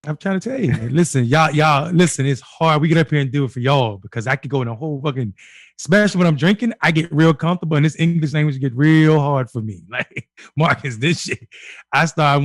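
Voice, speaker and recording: A man's voice: a little high, brisk, no room sound, studio quality. Man bantering loosely, joking and profane. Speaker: host. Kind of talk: casual political chat.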